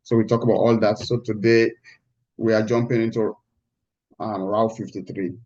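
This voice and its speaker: A man teaching a live online class, heard through a screen-recorded video call, talking in a halting way with many restarts. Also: on the low side, level tone, a little mellow, lo-fi sound. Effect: screen-recorded video call audio. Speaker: instructor. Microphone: computer mic on a video call.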